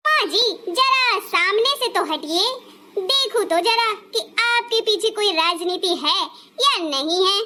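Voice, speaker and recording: A sharp-tongued elder daughter-in-law from a cartoon, voiced by a woman. Her voice is high and bright. She speaks with constant sarcasm and accusation. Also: lively intonation, slow, slight background noise, heavily acted. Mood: sarcastic. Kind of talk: Hindi cartoon dubbing.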